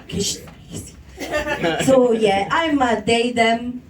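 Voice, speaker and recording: A stand-up comedian, joking playfully with the crowd on a handheld mic in a small venue, often laughing and mocking other voices. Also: female voice, on the high side, a little slow. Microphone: handheld microphone. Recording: echoey room, far from camera, noisy.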